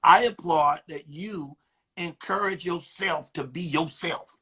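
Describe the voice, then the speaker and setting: A comedian interviewing a guest, riffing in an animated, preachy way. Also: male voice, on the high side, slow pace, husky. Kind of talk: casual interview chat.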